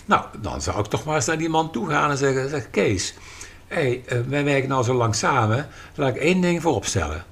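A man in relaxed podcast conversation, his voice swinging widely up and down as he makes his points. He speaks emphatically and slips into little acted-out exchanges to show what he means. His pitch sits in an ordinary middle range. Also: a little fast, husky. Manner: animated, emphatic, acts out quoted dialogue. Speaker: podcast guest and writer.

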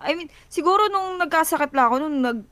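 A woman's voice: high voice, lively intonation, fast talker, fairly bright tone, dry recording. A woman fitness coach chatting casually and frankly on a livestream, laughing often.

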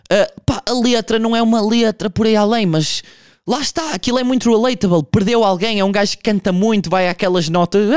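A man's voice: high voice, darkish tone, no room sound, studio quality. A young man doing a casual, profane stand-up monologue, telling a story with vocal impressions. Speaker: stand-up comedian.

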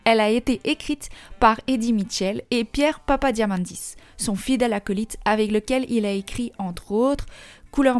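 A woman's voice: fairly high pitch, darkish tone. Belgian woman hosting a music podcast. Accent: Belgian French. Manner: chatty, adds joking asides. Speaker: podcast host. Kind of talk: scripted music-history narration with casual asides.

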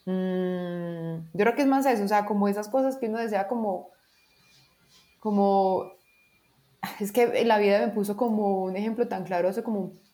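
A woman tells a story in a relaxed, chatty way. She slips into little voices for the people she quotes and fills her talk with casual fillers. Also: mid-range voice, moderate pace. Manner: animated, acts out quoted dialogue, frequent fillers. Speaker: guest sharing a personal story.

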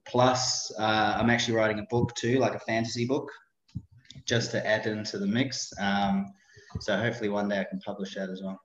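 A man's voice: on the low side, flat delivery, moderate pace, slight background noise. A man chatting casually as an interview guest on a remote call. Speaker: podcast guest, personal trainer. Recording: dull roomy online call audio.

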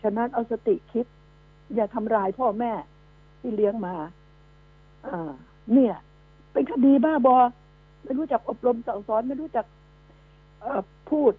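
A woman's voice: on the high side, normal speed, pauses often, no room sound. Scolding woman on a tinny radio line. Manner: scolding, emphatic, rhetorical questions to listeners. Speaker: radio news commentary host. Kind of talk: opinionated radio news commentary. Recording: narrow phone-like radio line with mains hum.

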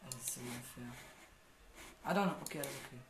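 A man commentating his way through a horror game, muttering to himself and swearing under his breath when things go wrong. His voice sits at an ordinary pitch and rings around an echoey room. A steady hiss of noise and mouse clicks sit behind him. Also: fast talker. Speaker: gamer playing a horror game. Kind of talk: casual let's-play commentary.

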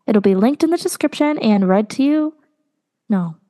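A woman's voice: a little high, animated, normal speed, mellow. Chatty young woman co-hosting a podcast. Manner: chatty, hesitant with many ums. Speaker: podcast co-host. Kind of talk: casual chat.

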